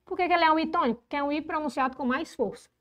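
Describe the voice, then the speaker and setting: A woman with a high voice leads an online grammar class, walking students through spelling rules patiently. She drags out the important words and checks in with quick "certo?" asides. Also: a bit bright. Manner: explanatory, repeats key rules slowly, frequent "ó" and "show?". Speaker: teacher. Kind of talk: online exam-prep grammar lesson.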